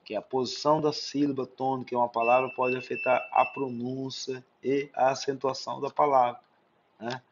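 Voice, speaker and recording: A man's voice: mid-range voice, flat delivery, normal speed. Man, Brazilian accent, teacher, recorded lesson, many examples, frequent "né?", slightly muffled audio, faint hiss. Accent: Brazilian Portuguese. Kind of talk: recorded exam-prep lesson.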